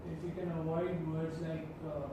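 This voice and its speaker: A polite male attendee offers measured, tactful feedback in a group session. His voice is slightly high, picked up from far off in a strongly reverberant room with noise behind it. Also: flat delivery. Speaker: training attendee giving feedback. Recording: echoey room, distant mic, background noise.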